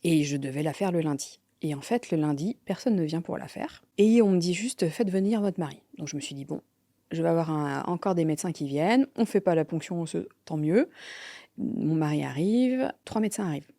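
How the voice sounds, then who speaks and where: A woman, telling her own story candidly, halting with many fillers and sometimes dropping to a near-whisper. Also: sits low, expressive, mellow, dry recording, clean studio sound. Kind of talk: personal testimony.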